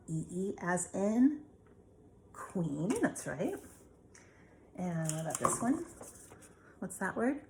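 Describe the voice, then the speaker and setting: A woman's voice: mid-range voice, vocal fry, a little hiss or hum. A woman teacher giving a remote phonics lesson, patiently asking questions and answering them herself. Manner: patient, asks and answers her own questions.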